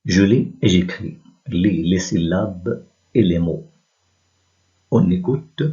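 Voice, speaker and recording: A man teaching young children to read, slowly spelling out letters, sounds and syllables. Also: deep voice, dark tone, muffled recording. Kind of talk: reading lesson for young children.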